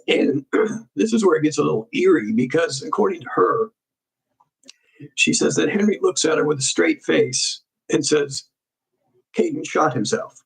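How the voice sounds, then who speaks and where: A man hosting a crime investigation show, casually walking through a case in halting speech full of ums and restarts. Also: a little high, animated, vocal fry, husky, rough recording.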